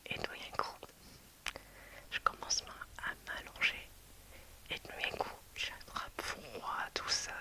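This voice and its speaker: A woman whispers a personal story to her viewers as a video creator, speaking slowly with long pauses. She is hushed and hesitant, restarting often and using many fillers.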